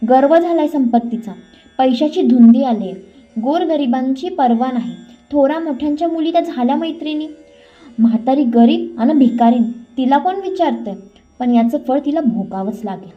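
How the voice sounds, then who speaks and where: A woman's voice: a little high, animated, moderate pace, close to an everyday voice. A woman putting on a furious old beggar woman. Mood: indignant. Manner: cracked, coughing old voice. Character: old poor woman, proud and angry. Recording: dull lo-fi with faint music.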